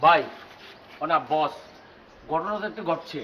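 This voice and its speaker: An actor playing a young gossiping sidekick with sly tattling. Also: male voice, a little high, measured pace, fairly bright tone, low-quality recording. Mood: gossipy. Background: music.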